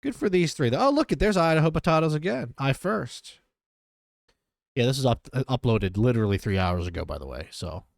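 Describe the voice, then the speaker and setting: A man's voice: medium pitch, sing-song, a little fast, gravelly, no echo. A young man reacting to clips on a stream, tossing out blunt and sarcastic jokes. His voice swings up and down a lot as he talks. The sound is close and dry, from a desk mic at home. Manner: joking, blunt, sarcastic asides. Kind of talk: casual reaction commentary.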